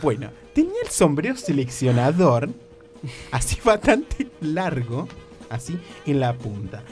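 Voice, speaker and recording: A man's voice: fairly high pitch, huge pitch swings, measured pace, a little mellow, faint music behind. A man with an Argentine accent telling a comic story on the radio, jumping into exaggerated voices and constantly asking "¿viste?". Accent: Rioplatense Argentine Spanish. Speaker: radio comedy host.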